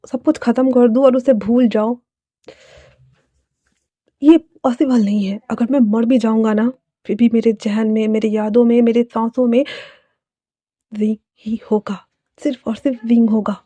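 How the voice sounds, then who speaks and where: A woman voicing a young mafia man who speaks softly and earnestly, ready to sacrifice himself. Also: fairly high pitch, steady tone, normal speed, pauses often, no room sound, lightly acted. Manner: soft, quiet, earnest.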